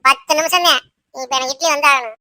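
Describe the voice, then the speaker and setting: A woman's voice: sits high, quick pace, pushed and bright, no room sound. A bossy old mother-in-law. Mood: scolding. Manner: scolding, domineering. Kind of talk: cartoon voice acting.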